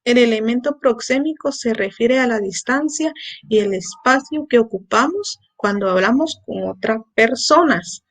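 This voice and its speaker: A woman's voice: on the high side, expressive, normal speed. A woman teacher giving a patient recorded lesson, explaining step by step and checking understanding with short tag questions.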